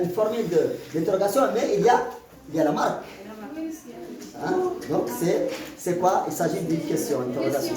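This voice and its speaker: A man teaches a grammar lesson, his pitch rising and falling a lot as he repeats and rephrases. He is picked up from across an echoing classroom, with the chatter of students clearly audible around him. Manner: repetitive, stammering restarts, explains with examples. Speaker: French teacher. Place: school classroom. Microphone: far from the mic. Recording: echoey classroom, far mic, student noise.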